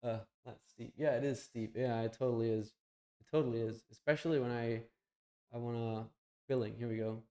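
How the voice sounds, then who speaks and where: This is a young man talking on a live stream, blunt and a little foul-mouthed, voicing his thoughts as he clicks around. He has an ordinary mid-range voice with a steady tone and a fairly quick delivery.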